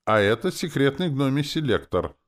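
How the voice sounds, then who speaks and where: A man's voice: deep voice, normal speed, voice pushed up, full character voice. A man voicing a fawning, cheeky male zombie, a former official, in a wheezy, nasal voice in an audiobook. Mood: pompous. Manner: flattering, cheeky, theatrical. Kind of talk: audiobook character voice.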